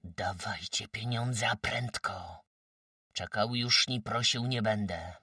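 A man voicing a defiant, sullen young peasant son making gruff demands. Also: lowish voice, expressive, a little slow, sharp tone, dry recording, clean studio sound, far from the mic, full character voice.

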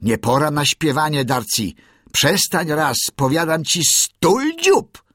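A man voicing a brave male mongoose who talks in a brisk, commanding way. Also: mid-range voice, very animated, a bit bright, breathy edge, no echo, clean studio sound, pitched above the performer's own voice, exaggerated voice. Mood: urgent. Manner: urgent, commanding.

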